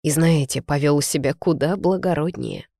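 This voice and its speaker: A reader voicing a weary young woman near tears who speaks quietly and subdued. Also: mid-range voice, moderate pace, no echo, studio quality, lightly acted.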